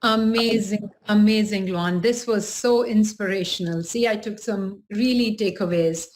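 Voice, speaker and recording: A woman moderating a live webinar, enthusiastic but halting, with many fillers. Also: medium pitch, darkish tone, a little hiss or hum.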